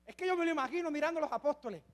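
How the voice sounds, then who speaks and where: A man with a notably high voice preaching a sermon as pastor. He talks to the congregation in a joking, chatty way, then drops to near-whispered asides and builds to shouted peaks of emphasis. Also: rapid-fire. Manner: dramatic preaching, swinging from hushed asides to shouted climaxes; conversational and humorous with the congregation.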